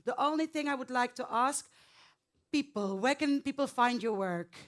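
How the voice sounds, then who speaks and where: A woman hosting a poetry event, friendly and unhurried, with hesitant fillers as she speaks. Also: high voice. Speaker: event host.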